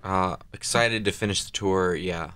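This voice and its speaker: A man's voice: sits low, measured pace, pushed and bright, clean tone. A young man, a band member guest on a radio interview, talking casually and rambling with lots of filler words.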